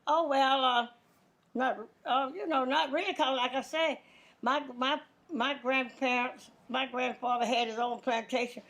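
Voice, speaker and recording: Her voice is high-pitched and fairly bright, with fairly even intonation and a measured pace. She's a Louisiana woman in her nineties with a Southern accent, casually recalling the past for an oral-history interview in plain speech full of repeated words and restarted sentences.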